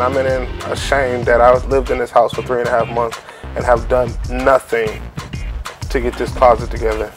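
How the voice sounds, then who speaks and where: A man from Cleveland in his thirties giving a relaxed, chatty closet-tour vlog narration at home. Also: medium pitch. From Cleveland, Ohio. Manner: relaxed, chatty, uses lots of fillers like "so yeah" and "like". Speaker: family vlogger.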